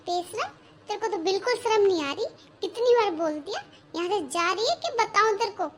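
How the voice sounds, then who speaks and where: A woman's voice: very high voice, expressive, brisk, a bit bright. A woman voicing a rude, spiteful young sister-in-law in a cartoon, scolding and mocking. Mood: scornful. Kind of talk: cartoon voice acting.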